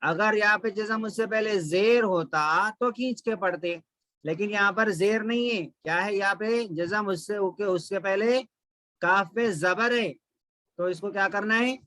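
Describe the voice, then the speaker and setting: A man teaching tajweed, explaining each letter and sound in quick bursts, then chanting the verses slowly and melodically. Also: high voice, bright, forceful tone, no echo. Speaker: Quran recitation teacher. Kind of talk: tajweed lesson with slow chanted recitation.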